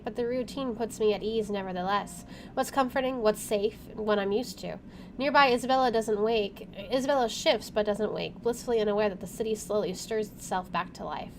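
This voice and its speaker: A woman, a channel host, plays a visual novel, reading the story aloud and tossing in casual asides. Her voice is on the high side, with a little hiss or hum on the recording.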